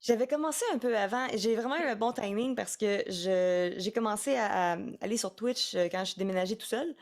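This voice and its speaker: This young singer-songwriter talks fairly quickly at a medium pitch, her Quebec French accent clear. Chatting casually in an interview, she frequently starts her words over.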